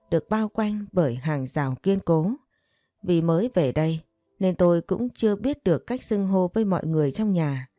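A woman narrating a romance story in a calm, even reading voice. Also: fairly low pitch, no room sound, clean studio sound. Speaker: audiobook narrator.

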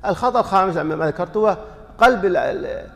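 Fast, high-voiced sheikh teaching in a hall. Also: male voice, animated, vocal fry. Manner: explanatory, quizzing listeners with rhetorical questions; chants sample calls to prayer to demonstrate. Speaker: sheikh teaching a fiqh lesson. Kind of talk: classroom lesson explaining a text.

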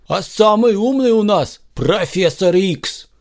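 Smug superhero leader, slow taunts, raised pitch, played by a man. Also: expressive, full character voice. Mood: mocking.

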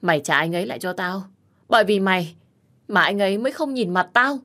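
A woman voicing a furious, jealous young woman who shouts accusations at her rival in an audio story. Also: medium pitch, expressive, a little fast, pitched above the performer's own voice, close to an everyday voice. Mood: screaming rage.

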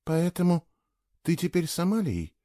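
Male reader playing a wounded, jealous young woman, pitched up, lively. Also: normal speed, no echo, clean studio sound, natural voice. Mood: quiet, wounded. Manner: pleading, accusing, raised high.

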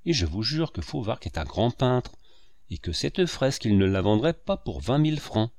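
A gentle male friend who tries to coax with calm, reasonable words, read by a man. The tone stays soft and persuasive. It sounds dry and close, with a middling pitch. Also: moderate pace, no echo. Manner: calm, coaxing.

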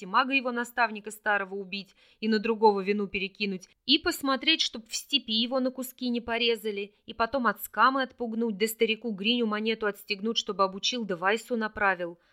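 A woman's voice: on the high side, fairly quick, hardly any pauses, sharp tone. A woman voicing a scheming old male trickster villain in an audiobook, with a mocking, gloating way of talking. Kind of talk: audiobook character voice.

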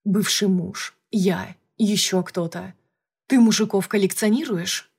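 A woman's voice: mid-range voice, fairly even intonation, measured pace, vocal fry, a little mellow, slightly rough. A woman reading the lines of a brusque, jealous male boss in an audiobook, curt and sarcastic.

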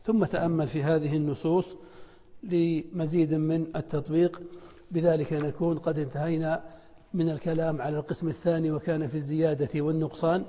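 A middle-aged man teaches a spelling lesson in a lecture hall full of students, posing questions and then answering them himself. His voice is a little high, his delivery flat and a bit fast. The recording is dull and lo-fi with a long hall reverb.

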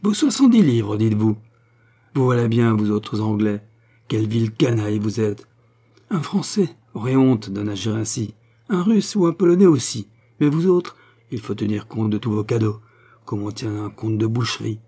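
A man's voice: steady tone, normal speed, warm tone, breathy edge. A man reading a novel aloud, voicing a scheming, sneering woman in a raised, mocking tone. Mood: furious. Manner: sneering, mocking, shrill outbursts.

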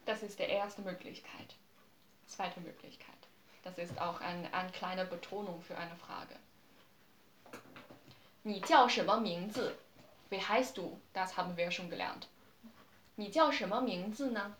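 A woman's voice: mid-range voice, fairly bright tone, a little hiss or hum. Patient woman teaching in a roomy classroom. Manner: patient, repeats each phrase and explains slowly. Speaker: language teacher. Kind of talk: classroom language lesson.

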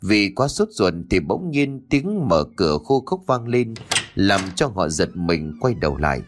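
A man narrating a ghost story in an expressive storytelling style that rises and falls for suspense. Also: on the low side, a little slow.

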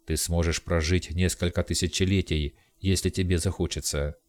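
A man's voice: deep voice, fairly even intonation, moderate pace, no echo, natural voice. A man voicing a commanding golden god. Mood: persuasive. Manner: commanding, shouting outbursts. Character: imperious male golden god, turning hysterical. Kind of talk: audiobook character reading.

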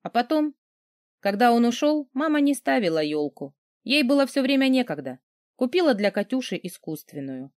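Audiobook: woman reads a cheeky young heroine, bright lilting voice, dry booth sound. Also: a little high, sing-song, moderate pace, no room sound. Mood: wistful. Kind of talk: audiobook character reading.

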